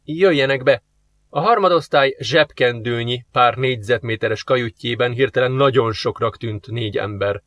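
A man reads a novel aloud in a measured storytelling manner. His pitch sits in the ordinary middle range. The recording is dry, with no room sound. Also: a bit bright, no room sound. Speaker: audiobook narrator. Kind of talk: scripted narration.

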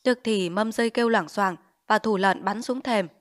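A woman narrating a dramatized novel reading, acting out each character in a lively way. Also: mid-range voice, moderate pace, dry recording, clean studio sound. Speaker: audiobook narrator.

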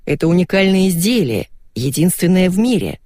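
A woman's voice: lowish voice, sing-song, fairly quick, a little mellow, no echo, studio quality. A woman voicing a pushy, boastful rich middle-aged man in an audiobook. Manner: boastful, insistent.

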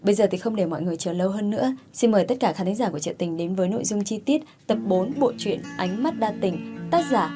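A woman's voice: mid-range voice, expressive, fast, hardly any pauses, mellow, soft background music. A woman host giving a polite, formal introduction to an audiobook episode and thanking listeners. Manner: polite, grateful address to listeners.

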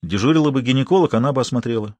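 Calm male audiobook narrator. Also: mid-range voice, dry recording. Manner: calm, measured, understated.

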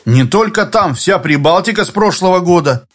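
A sullen, cowardly young man who mumbles and sulks, voiced by a male audiobook narrator. He answers grudgingly, in a slightly raised voice. Faint music plays quietly behind. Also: high-pitched, animated, moderate pace. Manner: mumbling, sulky.

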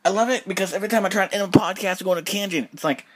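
A sleep-deprived man, up nearly 24 hours, hosts a solo podcast in a high-pitched voice at a very fast clip. He rambles in circles, repeats himself and swears casually.

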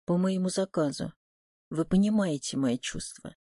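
A woman's voice: fairly low pitch, moderate pace, warm tone, dry recording, studio quality. Tense woman narrating an audiobook. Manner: first-person, tense and emotional.

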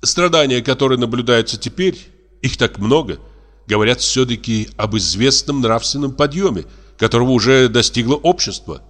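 A man's voice: medium pitch, lively intonation, normal speed, a bit bright, lightly acted. Guy doing a young baron being earnest and preachy, one-man audiobook play.

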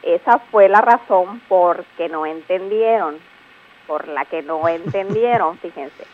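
A woman's voice: lowish voice, takes it slowly. A woman giving a grammar lesson on a radio show, quizzing her co-host and explaining patiently. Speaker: language teacher on a radio show. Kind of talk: radio spelling and grammar segment. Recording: dull lo-fi radio broadcast.

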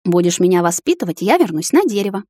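A woman's voice: lowish voice, very animated, quick pace, warm tone, slightly rough, no echo, studio quality. A woman voicing a cheeky, stubborn young noblewoman who teases her fiancé with mock gasps, in a storybook reading. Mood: teasing. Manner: mock-gasping, teasing.

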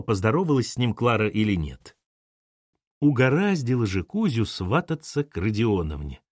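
A man's voice: medium pitch, no room sound, clean studio sound. A man reading an audiobook aloud, narrating expressively and acting out the dialogue. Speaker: audiobook reader.

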